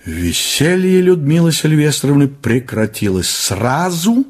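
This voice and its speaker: A man narrating an audiobook in an expressive, ironic storytelling manner. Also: on the high side, measured pace.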